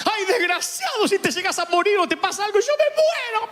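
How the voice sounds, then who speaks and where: A man putting on a shrill frantic mother. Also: expressive, fairly quick, a bit bright. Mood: frantic scolding. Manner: shrill, frantic, scolding yet loving. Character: frantic scolding mother, middle-aged woman. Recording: echoey hall.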